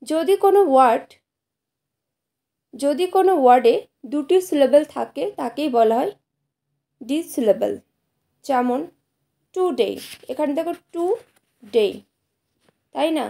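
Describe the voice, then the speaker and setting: A woman, teaching a lesson to students in a patient, explanatory way and sounding out example words slowly. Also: high-pitched, animated, vocal fry, dark tone. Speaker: English teacher.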